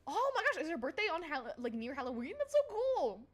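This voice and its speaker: A young woman on a livestream talks casually with viewers, very animated and a little fast in her high-pitched voice. She's giggly and scatterbrained, bouncing from one topic to the next.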